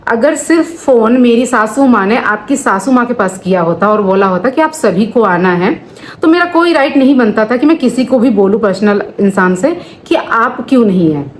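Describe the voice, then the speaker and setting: A woman in her thirties, a family vlogger, talks to the camera at length in a casual, aggrieved way, full of asides. Her voice is a little high and animated at a moderate pace, with slight hiss or hum in the recording.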